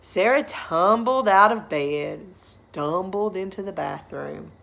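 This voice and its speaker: A woman storyteller reads a picture book aloud to children with expression, drawing them in with rhetorical questions and asides. Her voice is fairly low, slow and gravelly, yet a bit bright.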